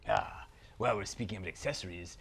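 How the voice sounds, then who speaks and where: A man playing Zaltar, a gravelly villain prince. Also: low voice, sing-song, a little fast, a bit bright, exaggerated voice. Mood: pompous. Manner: theatrical, haughty, sometimes slips into a stage whisper. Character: pompous grand male sorcerer villain prince. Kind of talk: comic product skit.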